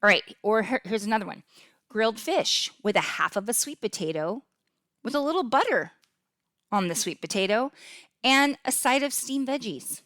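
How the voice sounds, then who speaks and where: A woman's voice: fairly high pitch, animated, normal speed, fairly bright tone, dry recording, clean studio sound. A middle-aged woman hosting a fitness podcast in a casual, upbeat way, often checking in with "okay?" as she explains. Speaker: podcast host and fitness coach.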